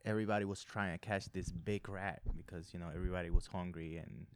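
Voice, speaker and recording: A man's voice: low-pitched, fairly even intonation, quick pace, clean tone. A man from the Dominican Republic, chatting easily as a podcast co-host. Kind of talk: casual chat.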